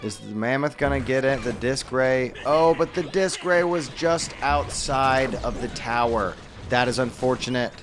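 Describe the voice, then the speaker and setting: A man's voice: mid-range voice, over music. Upbeat male game commentator. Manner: upbeat, quick exclamations at plays. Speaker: tournament commentator. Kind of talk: mobile game play-by-play commentary.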